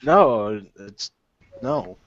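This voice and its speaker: Crude rambling man, somewhat high voice. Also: wildly swooping pitch, very slow, gravelly, a crowd in the background. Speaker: podcast co-host. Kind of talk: casual chat. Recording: dull lo-fi sound.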